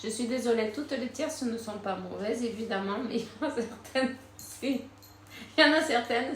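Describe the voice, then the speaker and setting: In a reverberant space with a little hiss or hum, a woman reads tarot cards in a relaxed, spiritual session, laughing frequently and filling pauses often. She speaks in a mid-range voice, and Spanish is her first language.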